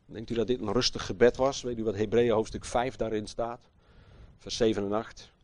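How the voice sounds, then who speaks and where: A man preaching a sermon with passion, swinging from hushed, slow phrases to loud, emphatic outbursts and asking his listeners rhetorical questions. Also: fairly low pitch, steady tone.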